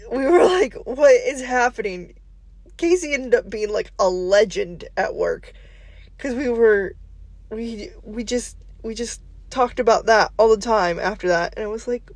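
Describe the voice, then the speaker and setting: A host tells a dream story in a casual, conversational way. The delivery is hazy and puzzled, feeling around for details as it goes. The voice sits at a medium pitch and is captured very dry, with no room sound. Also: no room sound. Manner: hazy, puzzled recounting with searching pauses and hedging. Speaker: host of a dream journal series.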